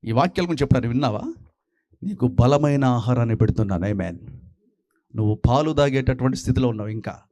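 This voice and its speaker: A man preaching a sermon as pastor, scolding his listeners with rapid-fire rhetorical questions. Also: mid-range voice, warm tone, no echo.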